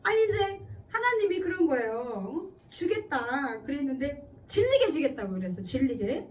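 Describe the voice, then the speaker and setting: Her high-pitched, sing-song voice is a little mellow and moves at a moderate pace as she preaches in church. This woman pastor keeps the sermon conversational, often checking in with her listeners and performing quoted lines, picked up by a distant mic over faint background noise.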